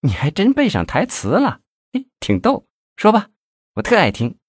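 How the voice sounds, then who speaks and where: Man voicing a coy young TV-host mistress, sharp tongue, lively pitch, storybook read. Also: no echo, studio quality, natural voice. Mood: coquettish, teasing. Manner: coquettish, scolding, quick retorts.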